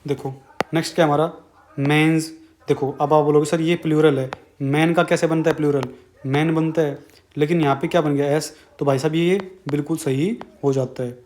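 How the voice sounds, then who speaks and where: A man's voice: on the high side, steady tone, moderate pace, darkish tone. A man with an Indian accent teaching an exam-prep grammar lesson, explaining step by step and asking and answering his own questions.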